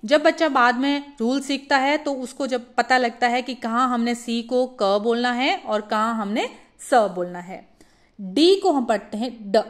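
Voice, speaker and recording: A woman teaching a phonics lesson for parents, demonstrating each letter sound slowly. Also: on the high side.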